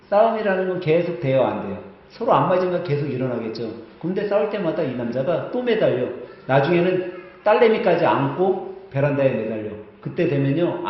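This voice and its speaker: A male pastor preaching a sermon in a church sanctuary, telling a story in a conversational way and asking the congregation questions. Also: medium pitch. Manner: acts out quoted lines in other voices. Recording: heavy echo, dull muffled sound, church hall.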